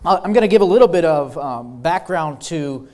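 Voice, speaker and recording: A man's voice: a little high, expressive, normal speed, a little mellow. A young man who grew up in Peru gives an earnest missions presentation in a church, with frequent ums and apologies. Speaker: missionary speaker. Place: church sanctuary.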